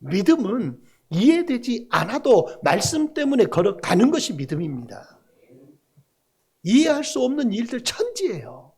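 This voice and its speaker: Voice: mid-range voice, very animated, normal speed, darkish tone, slightly rough. A pastor preaching a Sunday sermon in a church, asking the congregation questions and joking with the children. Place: church sanctuary.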